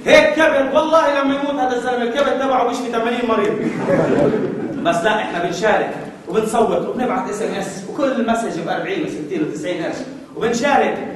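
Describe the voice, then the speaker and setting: A man with a Jordanian accent delivers an escalating stand-up comedy rant in a strikingly high voice. He talks fast and exasperated, acting out exchanges as he goes. The live recording is very echoey, picked up from a distance with clear noise. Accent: Jordanian Arabic.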